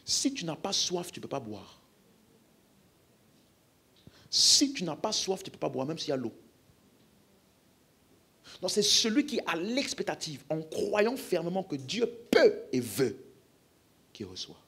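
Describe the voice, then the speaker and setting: A man preaches in French-accented speech, his husky voice rising and falling with great liveliness. He fires questions at the congregation and drives his points home with emphasis. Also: a little high, huge pitch swings, measured pace, pauses often, fairly bright tone. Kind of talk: healing-service sermon.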